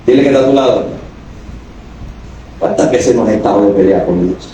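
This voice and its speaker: A man's voice: fairly low pitch, a little fast, mellow, a little hiss or hum. A male pastor preaching a sermon. He is emphatic and quizzes the congregation with questions. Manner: emphatic, asks the congregation questions and acts out quoted voices. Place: church. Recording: echoey church hall from a distance.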